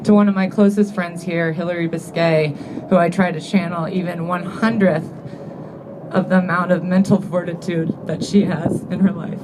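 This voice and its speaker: A woman in her thirties giving an emotional acceptance speech at a banquet, earnest and grateful, turning teary and halting at times. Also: lowish voice, steady tone, background noise. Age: 30s. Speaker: award-winning athlete giving a thank-you speech. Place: banquet hall with an audience.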